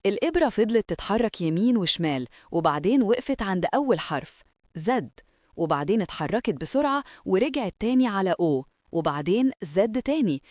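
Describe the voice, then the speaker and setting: A woman's voice: mid-range voice, darkish tone, no echo, studio quality. A woman with an Egyptian Arabic accent narrating a scripted horror story in a dramatic storytelling manner.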